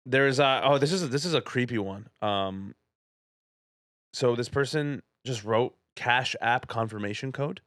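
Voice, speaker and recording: A man's voice: unhurried, a bit bright, dry recording, clean studio sound. A young man, a comedian guest on a podcast, telling stories in a wry, laid-back casual chat. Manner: laid-back, wry storytelling, mumbles low asides.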